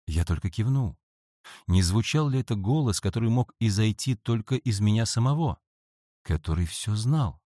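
A male narrator reading a first-person literary audiobook in a measured, reflective manner. His voice is low yet moves with lively, expressive pitch. It is recorded close and completely dry. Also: no room sound.

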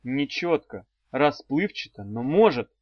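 A man narrating an audiobook in an even, measured storytelling manner, in a dry, slightly dull recording. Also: mid-range voice, slightly rough, no room sound.

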